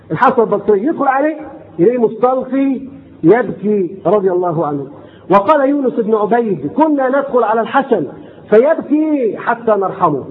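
A man with an Egyptian accent preaching a sermon, reciting classical sayings and then repeating and explaining them in colloquial asides. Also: very high-pitched. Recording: tinny phone-like recording, faint noise.

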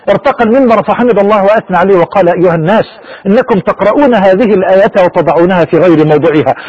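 A man's voice: high-pitched, dull audio. A man preaching a sermon with impassioned delivery and rhetorical questions.

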